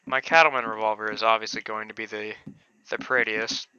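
A man's voice: on the low side, little pitch movement, fairly quick, pushed and bright, slight background noise. A man giving rambling, hesitant gameplay commentary on a stream, with casual swearing. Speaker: game streamer. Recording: dull lo-fi recording.

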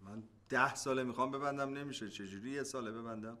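A man's voice: mid-range voice, bright, forceful tone, close to an everyday voice. An actor playing a doctor who teases his friend and turns wary of shady schemes, in TV sitcom acting. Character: wary joking man, doctor.

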